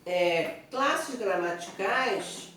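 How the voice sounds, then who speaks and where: A woman with a mid-range, expressive, fairly bright voice speaks very slowly while teaching Portuguese grammar in an online review lesson. She explains step by step and checks in with her students. The recording is in a very echoey room, with her voice coming from a distance.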